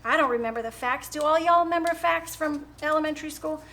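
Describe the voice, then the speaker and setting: A woman's voice: high-pitched, quick pace, sharp tone. A woman hosting a live painting stream from home, chatting casually and rambling, laughing often. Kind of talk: casual chat while painting.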